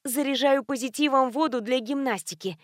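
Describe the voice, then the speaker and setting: A woman reading her first-person heroine's lines in an animated, exclaiming way. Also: high voice, moderate pace, dry recording, studio quality, pitched above the performer's own voice, close to an everyday voice. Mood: explaining.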